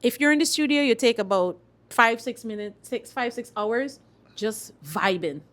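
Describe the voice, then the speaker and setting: A woman's voice: on the high side, expressive, moderate pace, fairly bright tone. A woman with a Guyanese accent speaking casually as a singer being interviewed, emphatic and repeating phrases for stress. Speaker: singer-songwriter, interview guest.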